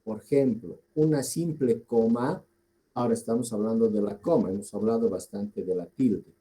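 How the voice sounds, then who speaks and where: A male teacher with a Bolivian Spanish accent giving a deliberate lecture, repeating key words and putting questions to his students. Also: lowish voice, mellow, rough recording. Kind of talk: slow classroom lecture.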